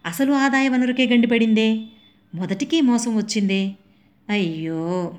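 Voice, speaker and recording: Expressive middle-aged woman storyteller. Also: medium pitch, a little fast. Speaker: narrator. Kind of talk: humorous story reading.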